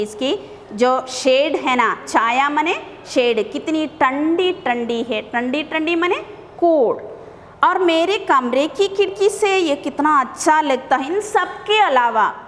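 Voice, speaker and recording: A woman's voice: sits high, in a large hall, slight background noise. A woman teacher reading a Hindi story aloud, repeating lines and explaining words in English.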